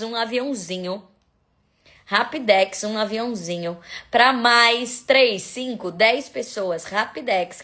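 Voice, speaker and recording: A Brazilian woman hosting a devotional live stream, moving from soft prayerful murmurs into lively preaching. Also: mid-range voice. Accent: Brazilian Portuguese.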